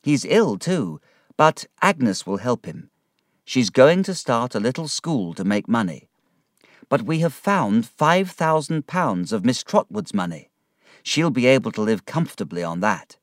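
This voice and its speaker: A man's voice: medium pitch, big pitch swings, unhurried, no room sound, studio quality, pitched above the performer's own voice. A man voicing an earnest young male friend explaining news in a storybook reading.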